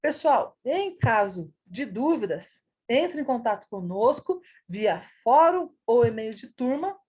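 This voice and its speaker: A woman's voice: on the high side, big pitch swings, takes it slowly, darkish tone, breathy edge. A woman, teaching a recorded grammar lesson and explaining patiently with rhetorical questions.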